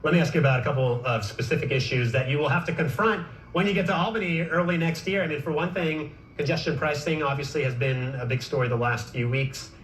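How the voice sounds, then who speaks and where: A man hosting a political news program, asking questions in a brisk, conversational way. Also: a little high, fairly even intonation, a bit bright, roomy sound, a little hiss or hum, rough recording. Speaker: TV news host.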